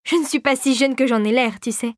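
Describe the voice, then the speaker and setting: A woman voicing a gentle older male inventor and mentor in an audiobook, softly and often in a murmur. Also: sits high, a little fast, no room sound, clean studio sound, natural voice. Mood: surprised. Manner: softer and hushed, often murmured. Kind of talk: audiobook character voice.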